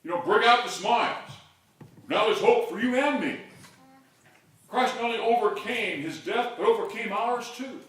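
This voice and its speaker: Older guy preaching, higher voice, kinda far from the mic, big echoey church. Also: moderate pace. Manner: builds to loud call-and-response shouts. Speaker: pastor. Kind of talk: sermon. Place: large church sanctuary.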